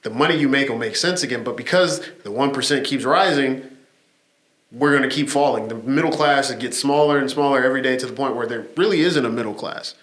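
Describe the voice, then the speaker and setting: Measured man explaining his view. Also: mid-range voice, a bit bright. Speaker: podcast co-host. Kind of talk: casual discussion. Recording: echoey room.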